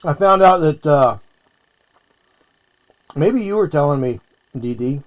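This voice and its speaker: A man's voice: a little high, lively intonation, slow pace, highs cut off. A man chatting casually on a livestream while he eats, sometimes talking with his mouth full. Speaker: streamer.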